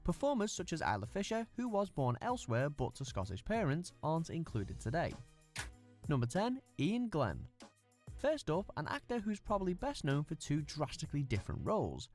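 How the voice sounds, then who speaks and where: A male narrator reads a countdown script with punchy, wry energy. His pitch sits a little high and jumps about expressively, and faint music plays beneath him. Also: wildly swooping pitch, moderate pace, darkish tone. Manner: upbeat, punchy, wry delivery.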